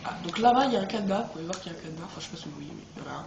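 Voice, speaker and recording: High-voiced guy doing excited let's play commentary, chatty, noisy echoey room. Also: rapid-fire, gravelly. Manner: chatty, excitable, talks to the viewers. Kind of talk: gameplay commentary.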